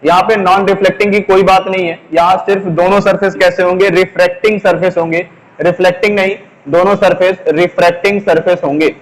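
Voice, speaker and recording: A male teacher giving a classroom lesson, speaking slowly, repeating key terms and asking the class questions. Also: high-pitched, steady tone. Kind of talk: classroom lesson, explaining while writing on a board. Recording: long echoing reverb.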